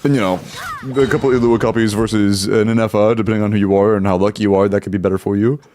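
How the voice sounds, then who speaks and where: This streamer has a lowish, fairly even voice with a slightly mellow quality, and he talks fast. He gives casual commentary to his chat through a headset mic while playing, tripping over and repeating words as things happen. A faint hiss or hum runs under the audio.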